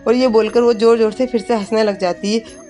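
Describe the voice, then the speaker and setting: A woman's voice: a little high, fairly even intonation, fairly quick, warm tone, soft background music. A woman narrating an episode recap of a TV serial, telling it plainly and quoting the dialogue.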